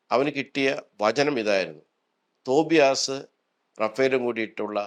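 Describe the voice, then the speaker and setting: A man's voice: on the low side, fairly bright tone. A priest, a man, earnestly tells a personal testimony and retells what people said to him. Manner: earnest storytelling, retelling dialogue.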